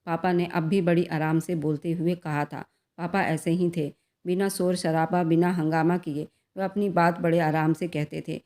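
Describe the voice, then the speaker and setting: A woman narrating a first-person family story in a steady storytelling manner. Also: fairly low pitch, normal speed.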